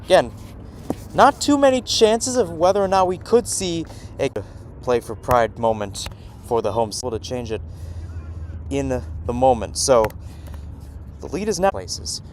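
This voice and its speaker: Here the same kind of play-by-play comes in a medium-pitched, sing-song voice at a measured pace with long pauses. The man commentates on a youth soccer game for radio from beside the field, switching between terse calls and wandering tangents amid noisy outdoor sound and traffic hum.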